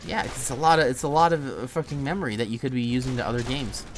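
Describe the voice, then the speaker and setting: A man streaming a game and chatting loosely with a friend. He rambles, restarts his sentences and swears freely. His voice has an ordinary middle pitch, with faint noise in the background. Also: rapid-fire. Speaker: gaming streamer. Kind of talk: casual chat while playing.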